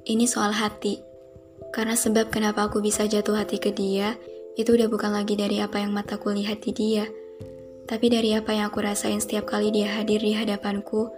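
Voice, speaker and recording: A young woman hosting a podcast, speaking a slow, soft and heartfelt reflective monologue. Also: mid-range voice, flat delivery. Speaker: podcast host. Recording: music playing behind the voice.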